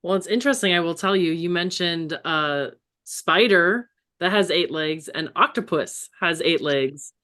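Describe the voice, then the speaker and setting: Woman, lowish pitch, enthusiastic, encouraging, podcast host, casual spiritual talk. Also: a little slow, fairly bright tone.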